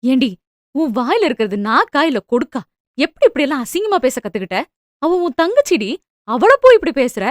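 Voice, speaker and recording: A woman's voice: fairly high pitch, animated, fairly quick, dry recording, studio quality, close to an everyday voice. A woman voicing an anxious middle-aged mother who scolds her daughters in flustered bursts. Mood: scolding.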